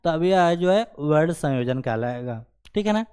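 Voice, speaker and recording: A man's voice: a little high, lively intonation, moderate pace, a little mellow, clear, resonant tone. A man teaching a grammar lesson, explaining step by step and checking in with the class after nearly every phrase. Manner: repeats "ठीक है ना" as a check-in filler.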